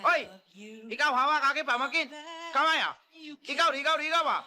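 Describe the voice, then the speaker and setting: Stubborn uncle, very high and piercing, broken speech. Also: male voice, brisk, bright, forceful tone, heavily acted. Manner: broken phrasing, stubborn repetition. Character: protective uncle scolding a suitor.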